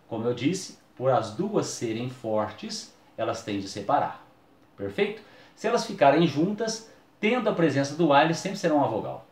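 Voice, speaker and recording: A man's voice: mid-range voice, darkish tone, roomy sound. A man, teaching a video lesson and drawing out key words for emphasis.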